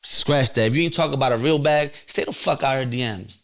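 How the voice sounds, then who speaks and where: Young man, podcast host, casual chat, blunt, slangy, animated, mid-pitched voice. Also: fast.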